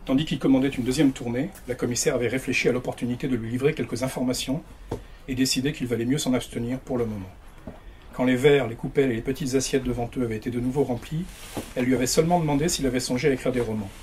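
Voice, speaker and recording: A man reading extracts of a novel aloud at a bookshop event, steady and unhurried in tone. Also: mid-range voice, slight background noise. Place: bookshop reading before an audience.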